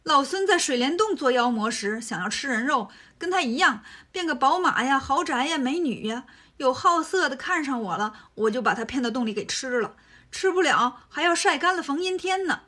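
A woman's voice: high voice, lively intonation, moderate pace, pushed and bright. A woman voicing a cocky, clever male monkey hero who teases his master. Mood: cheeky.

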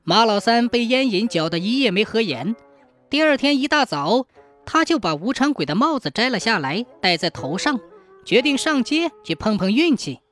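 A woman narrating a scripted folk tale in an expressive storytelling manner. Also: on the high side, moderate pace. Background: faint background music.

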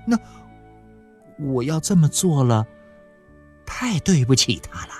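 A man's voice: mid-range voice, big pitch swings, slow pace, soft background music. A man reading a novel aloud and voicing a blunt, anxious young widow who hesitates and stammers. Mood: fretful.

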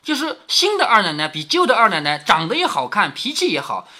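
A man's voice: high-pitched, huge pitch swings, a little fast, pushed and bright. A man reading a classic novel aloud to his daughter, explaining it in a conversational way and asking her questions. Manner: conversational, asks questions of the listener.

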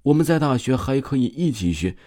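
A man reading the lines of an excited teenage boy who stammers when flustered in a storybook tale. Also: on the low side, moderate pace. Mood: eager.

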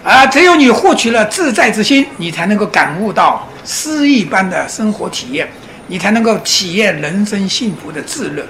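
Male lecturer, very animated pitch, rhetorical questions, chuckling, faint background hiss. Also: moderate pace. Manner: chuckles often while explaining. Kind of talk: public lecture on Chinese classics and Zen.

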